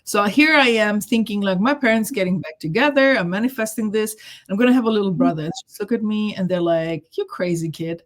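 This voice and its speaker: A middle-aged woman who grew up in Germany speaks at medium pitch and a little fast. As a guest intuitive reader and healer, she tells her story in a chatty, casual interview, laughing often and relying on fillers.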